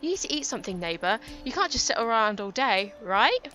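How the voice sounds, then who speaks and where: A woman voicing a peppy, awkward young woman neighbour in a bubbly, higher voice over game music. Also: sing-song, fairly quick. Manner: bubbly and eager, high and bright.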